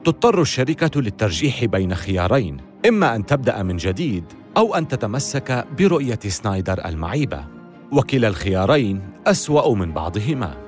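A man's voice: fairly low pitch, sing-song, fast talker, soft background music. A man reading scripted documentary narration with a dramatic, storytelling delivery.

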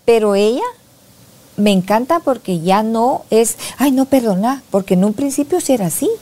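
A soft-spoken woman psychologist talking reflectively in a casual podcast conversation. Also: on the high side, lively intonation, normal speed. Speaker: psychologist guest.

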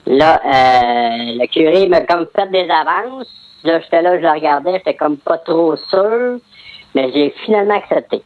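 A man calling into a talk show, his voice run through a modifier that disguises it. He speaks, slowly and hesitantly, full of pauses. The sound is dull and dry, with no room around it. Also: on the high side, animated, no room sound. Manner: hesitant, many filler pauses. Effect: electronically altered disguising voice. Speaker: caller. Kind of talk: confessing on a call-in talk show.

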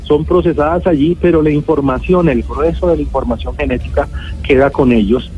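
Speaking a bit high and fairly fast, this man with a Colombian Spanish accent is an expert guest on a radio interview. He explains things emphatically and leans on everyday examples. The audio comes through a narrow, phone-like line with music in the background.

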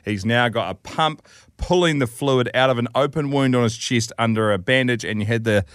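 A man's voice: medium pitch, normal speed, fairly bright tone, no echo. New Zealand man hosting, dry studio sound. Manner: informal, blokey. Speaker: show host. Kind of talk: casual chat, co-hosting.

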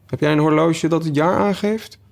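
A man's voice: fairly high pitch, moderate pace, creaky, pitched above the performer's own voice. A man reading aloud, voicing a grumpy, scornful male hatter. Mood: grumbling. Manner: cross, scornful.

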